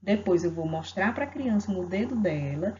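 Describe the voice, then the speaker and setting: A woman's voice: mid-range voice, lively intonation, normal speed, warm tone. A woman with a Brazilian Portuguese accent explaining an exam question on pediatric dentistry as a lecturer, often adding tag questions. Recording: dull lo-fi audio, faint background noise.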